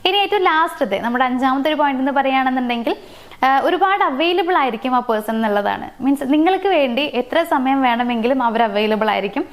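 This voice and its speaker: A woman's voice: sits high, lively intonation, fast talker. A woman talking casually to her viewers, explaining relationship signs point by point, with fillers and restarts along the way. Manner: explains in numbered points with fillers and self-corrections. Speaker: relationship advice host. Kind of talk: casual advice talk to camera.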